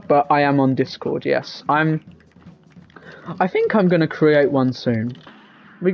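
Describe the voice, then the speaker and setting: A man live-streams a game and chats casually, rambling as he reads out chat messages in a fairly high, slightly mellow voice. The lo-fi mic sounds a bit dull, with faint game music in the background.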